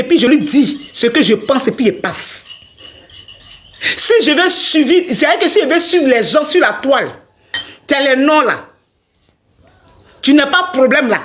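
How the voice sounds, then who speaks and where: A middle-aged woman hosting a live stream rants angrily at a rival, speaking straight to her viewers. Her voice is high and a bit bright.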